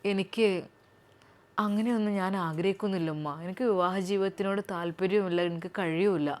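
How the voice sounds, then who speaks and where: Gentle young doctor husband, put on by a woman, low soft soothing voice, storybook telling. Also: steady tone, fairly quick, close to an everyday voice.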